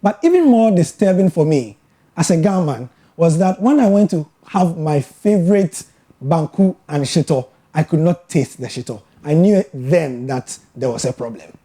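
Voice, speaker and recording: A Ghanaian sports broadcaster giving a scripted educational talk, telling his story in a measured, earnest way with emphatic pauses. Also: on the high side, lively intonation, warm tone. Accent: Ghanaian English.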